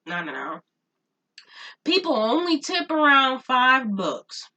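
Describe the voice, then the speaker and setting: A woman's voice: high voice, sing-song, slow pace, sharp tone, distant mic, lo-fi sound. Exasperated young woman ranting to camera. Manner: exasperated, repeats points for emphasis. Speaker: vlogger. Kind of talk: casual ranting vlog. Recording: voice a bit off-mic.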